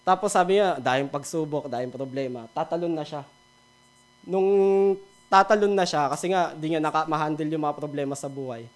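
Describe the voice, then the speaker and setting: Filipino male devotional speaker, high voice, relaxed sermon, cracks small jokes. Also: brisk. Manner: mixes Tagalog and English, laughs at his own jokes.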